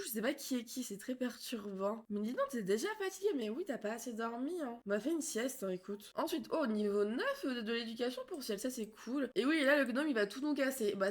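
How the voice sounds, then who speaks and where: A woman giving chatty, casual commentary on her life-simulation game, talking to her characters and reacting with frequent exclamations. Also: on the high side. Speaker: let's play host.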